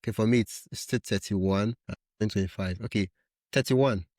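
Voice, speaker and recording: Low-voiced podcast host man. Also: a little fast, a little mellow, dry recording, clean studio sound. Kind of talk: podcast interview.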